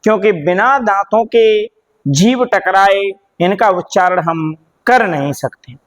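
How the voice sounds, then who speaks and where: A man's voice: sits high, lively intonation, unhurried. A man teaching Hindi grammar, sounding out letters one by one and asking questions he then answers himself, addressing students as children. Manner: drills sounds aloud, asks and answers own questions, calls listeners "beta". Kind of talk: classroom lesson.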